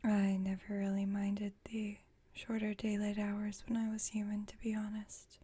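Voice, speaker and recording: Voicing a dryly witty, centuries-old vampire roommate for ASMR, a woman keeps her breathy whisper calm and reflective. Her pitch is medium, her pace moderate, and her slightly formal, gentle phrasing is lightly acted.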